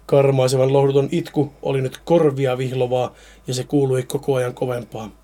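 Man reading a horror story aloud, mellow. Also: mid-range voice, level tone. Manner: stumbles and repeats words while reading.

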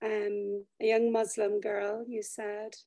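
Slightly croaky female podcast host, soft-toned. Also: medium pitch, completely flat delivery, slow pace. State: voice tired from teaching. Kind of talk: conversational interview.

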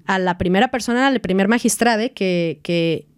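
A woman's voice: mid-range voice, normal speed, clean tone, no room sound, clean studio sound. A woman, co-hosting a casual podcast chat and speaking frankly with earthy slang. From Mexico. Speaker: podcast co-host.

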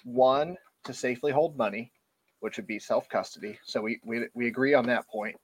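A man's voice: mid-range voice, moderate pace, breathy edge. A man, a guest on a podcast, explaining his view in casual discussion, earnest and a little out of breath. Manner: earnest, explanatory, reads from show notes. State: a bit out of breath.

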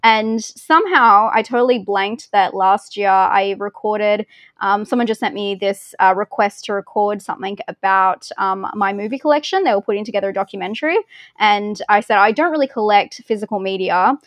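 A woman's voice: mid-range voice, moderate pace, dry recording. A woman in her thirties with an Australian accent, chatting in an interview in a rambling, self-deprecating way and laughing often. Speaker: film reviewer guest. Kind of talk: casual interview chat.

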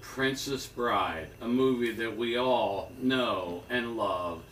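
A man of middling pitch speaking very slowly, teasing his co-hosts with leading questions. He is far off the mic in a roomy, echoing space with faint noise. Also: a bit bright. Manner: slow, teasing quiz-like questions. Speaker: podcast co-host. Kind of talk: casual chat. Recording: echoey room, distant mic.

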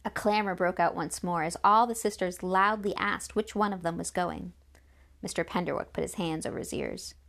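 A woman narrating a children's novel in an audiobook, with expressive storytelling. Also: on the low side, normal speed, vocal fry.

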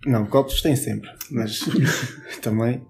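A man's voice: medium pitch, steady tone, takes it slowly, vocal fry, a little mellow, faint music behind. A young man with a European Portuguese accent, telling a story in casual podcast chat, laughing often and swearing freely. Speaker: podcast co-host.

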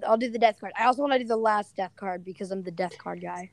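A woman's voice: mid-range voice, fast talker, vocal fry, dry recording, low-quality recording. Emphatic, opinionated woman. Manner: emphatic, opinionated, jumps in over the other speaker; lays out step-by-step strategy. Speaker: podcast co-host. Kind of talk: casual gaming chat.

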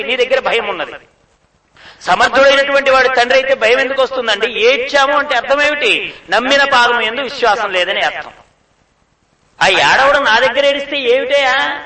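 High, bright-voiced man giving a sermon. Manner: animated storytelling, acts out quoted speech, repeats phrases for emphasis. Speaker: spiritual speaker. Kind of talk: devotional discourse. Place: ashram hall. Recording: echoey room, voice from far off.

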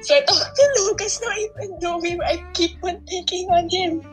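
A young woman with a Filipino accent in a casual chat, excitable and quick, laughing often. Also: extremely high pitch, soft background music, rough recording.

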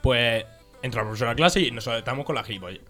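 A man's voice: mid-range voice, very fast, pushed and bright, soft background music. A young man with a Spanish accent from Spain, telling school stories in a casual chat and laughing through them.

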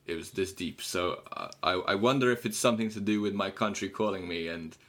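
Speaking a little fast in a deep, fairly bright voice, this young man from Ukraine has a Ukrainian accent. He's a musician guesting on a casual podcast, wandering off track and fixing his own words with dry wit.

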